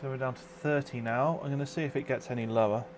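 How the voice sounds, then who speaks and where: A man's voice: medium pitch, steady tone, fast talker, slight background noise. A man chatting casually on a live stream, rambling, swearing freely and reacting to chat comments. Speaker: overclocking livestreamer.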